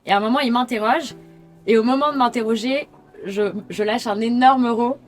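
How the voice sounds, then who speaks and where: A woman's voice: on the high side, moderate pace, faint music behind. Chatty young woman, slangy storytelling. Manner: chatty, slangy, with "genre" and "en mode". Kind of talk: casual chat, telling anecdotes.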